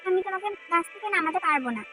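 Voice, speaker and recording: A woman voicing a caring young village man who teases softly, with quiet music behind. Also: extremely high pitch, lively intonation, quick pace. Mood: teasing.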